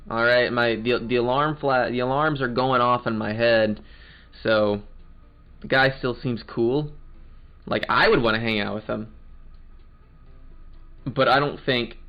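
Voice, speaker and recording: A man's voice: mid-range voice, dull audio. A man reading through a video game and making chatty, joking asides as he plays. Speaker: game playthrough narrator. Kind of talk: casual gaming commentary.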